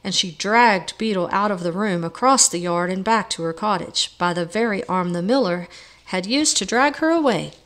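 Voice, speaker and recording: A woman narrating a storybook novel aloud in a measured, even way. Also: mid-range voice. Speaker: audiobook reader.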